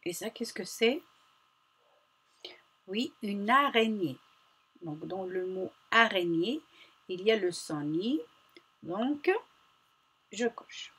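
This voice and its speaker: A woman leads a phonics lesson for young children. She talks slowly and spells out each sound with patient repetition. Her voice is slightly breathy and sits at a middling pitch. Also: lively intonation, a bit bright. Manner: slow, carefully articulated, repeats sounds for children. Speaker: primary school teacher.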